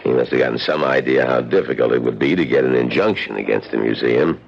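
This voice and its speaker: An actor playing a theatrical museum guide who recounts murders with relish in a radio drama, in a gravelly voice. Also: male voice, fast talker. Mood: confiding. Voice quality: very deep, gravelly. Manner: theatrical storytelling. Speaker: narrator and actor. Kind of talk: old-time radio drama acting. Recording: dull vintage radio recording.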